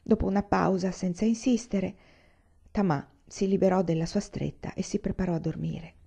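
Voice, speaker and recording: A woman reading a literary novel aloud in a measured, even storytelling voice. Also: mid-range voice, gravelly, husky. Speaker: audiobook reader. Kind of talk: literary narration read aloud. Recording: slightly dull lo-fi recording.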